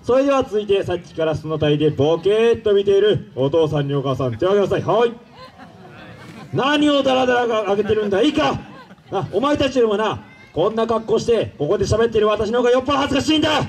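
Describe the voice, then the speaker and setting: A man's voice: sits high, animated, quick pace, darkish tone. A man playing a pompous, scheming male android villain leader, commanding and theatrical as he leads a live stage show crowd in call-and-response. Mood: rousing. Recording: distant PA sound with music.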